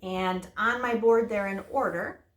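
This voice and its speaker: Indoors, a woman gives young children an informal lesson and story time, using plain, casual words to explain things simply. Her mid-range voice keeps a fairly even intonation and a measured pace. There's echo in the room and a faint background noise.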